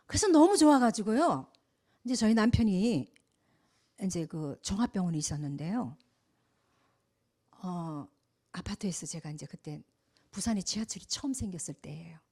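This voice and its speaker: Animated woman pastor telling a story. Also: mid-range voice, moderate pace, pauses often. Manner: animated storytelling, swings from loud exclamations to hushed asides. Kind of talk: testimony sermon.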